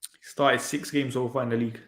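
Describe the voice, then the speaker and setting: A man's voice: medium pitch, level tone, brisk. Man in an echoey room. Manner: hesitant, fillers like "kind of thing" and "innit". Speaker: co-host pundit. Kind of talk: casual football reaction chat.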